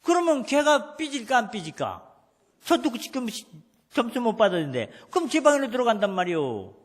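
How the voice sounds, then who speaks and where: A middle-aged pastor, preaching a folksy sermon and acting out scolding family scenes. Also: male voice, very high-pitched, big pitch swings, fairly quick. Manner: acts out scolding voices, calls for the congregation to repeat after him. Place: church sanctuary. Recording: long church hall reverb.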